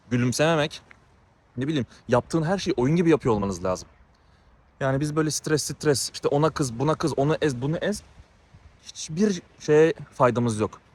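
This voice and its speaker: A man's voice: on the high side, breathy edge. A man vlogging as he walks through a small town, out of breath and talking in a heated, ranting way that often repeats itself. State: out of breath from walking. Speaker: travel vlogger. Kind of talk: walking vlog monologue. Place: outdoors on town streets. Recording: noisy outdoor street recording.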